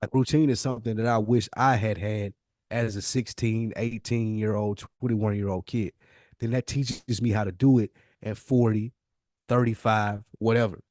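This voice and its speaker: On a clean studio recording with no echo, a middle-aged American podcast co-host talks in a low, steady, darkish voice at a moderate pace. His tone is casual and motivational, and he stresses ideas by repeating phrases emphatically.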